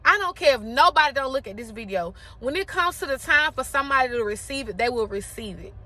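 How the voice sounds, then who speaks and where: A woman's voice: a little high, animated, fast, pushed and bright. A woman around forty giving an emphatic, impassioned motivational talk, repeating phrases for effect.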